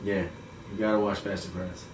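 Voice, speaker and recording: A man's voice: low voice, level tone, fast. Laid-back man reviewing a film, echoey room. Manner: laid-back, slangy, laughs often. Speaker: podcast host. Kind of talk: casual movie review chat. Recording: echoey room, mic far off, faint noise.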